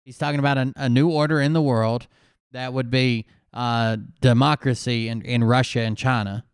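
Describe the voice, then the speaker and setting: A man hosting a casual commentary chat, explaining calmly and skeptically, with an occasional swear word. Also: medium pitch, moderate pace, clean tone, dry recording, clean studio sound.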